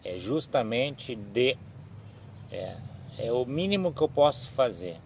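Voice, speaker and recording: A man, giving a slow, halting religious reflection on a live stream, with frequent restarts and tag questions. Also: medium pitch, animated, vocal fry, a little mellow, slight background noise. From southern Brazil. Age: 60s. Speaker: evangelical live-stream speaker.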